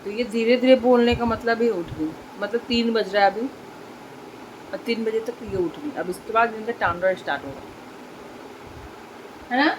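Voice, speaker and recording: A woman's voice: on the high side, moderate pace, long pauses, background noise. A young woman chatting to her viewers in a casual home vlog, filmed on a phone. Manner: chatty, talks straight to viewers. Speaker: vlogger. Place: home and rooftop, indoors and out.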